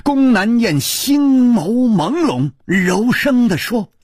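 A man narrating a story for radio in a dramatic, expressive storytelling style. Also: very high voice, takes it slowly, breathy edge, no room sound, studio quality.

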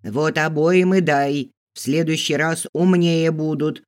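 Man voicing a shrill, furious madam. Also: steady tone, lightly acted. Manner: shrill, drawn-out yelling. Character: stern furious female brothel madam, middle-aged.

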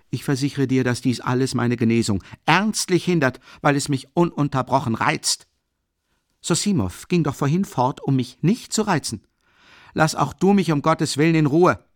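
A man's voice: a little high, no echo, studio quality, pitched above the performer's own voice, close to an everyday voice. A man reading an audiobook, voicing a sick, bitter young man who pleads to be left alone. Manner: quiet at first, then frantic pleading.

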